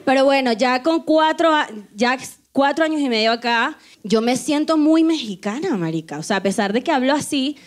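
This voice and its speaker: A woman's voice: sits high, lively intonation, normal speed. A woman with a Venezuelan accent performing a stand-up set, teasing the audience and slipping into put-on voices. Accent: Venezuelan Spanish. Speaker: stand-up comedian. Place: theater stage before a live audience. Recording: live crowd, faint room noise. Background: audience laughter.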